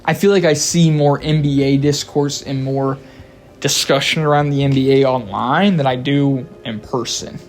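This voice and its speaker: A man's voice: medium pitch, steady tone, moderate pace. A man giving opinionated video commentary in a candid, conversational way, swearing freely. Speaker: video reviewer. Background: faint background music.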